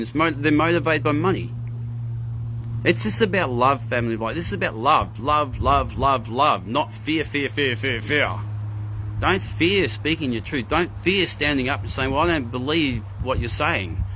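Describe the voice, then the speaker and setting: A man's voice: on the high side, bright, forceful tone, a little hiss or hum. A man hosting a live spiritual talk, speaking earnestly and emphatically, often repeating phrases and greeting viewers in the chat. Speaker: spiritual livestream host.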